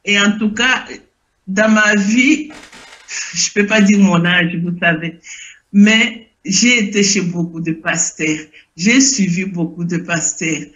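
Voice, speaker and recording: A woman's voice: medium pitch, takes it slowly, fairly bright tone. An older woman giving an emotional spoken testimony, hesitant and repeating herself as she searches for words. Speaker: testifying church member. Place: lives in Belgium.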